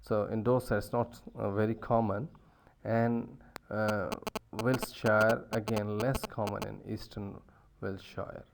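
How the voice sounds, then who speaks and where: A man's voice: lowish voice, creaky, a little hiss or hum. A man giving a university lecture, hesitant, with many fillers and restarts.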